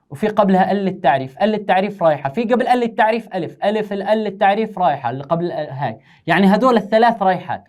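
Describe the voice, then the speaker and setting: A man's voice: sits high, a little mellow. A male teacher, speaking patiently and methodically. He breaks the material into small steps and counts out syllables one at a time in a conversational recorded lesson. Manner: patient, explains step by step, counts syllables aloud. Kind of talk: recorded lesson on poetic meter.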